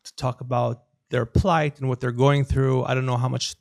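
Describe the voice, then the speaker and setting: Gravelly middle-aged man, animated podcast banter. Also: mid-range voice, moderate pace. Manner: animated, slips into put-on voices for bits. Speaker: podcast co-host. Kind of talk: casual comedic chat.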